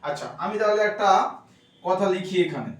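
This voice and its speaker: A man's voice: high voice, lively intonation, moderate pace. A man teaching a grammar lesson at a whiteboard. He often repeats a question back to his students, checks that they understood, and stretches words out syllable by syllable. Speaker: tutor. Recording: echoey room, far from mic.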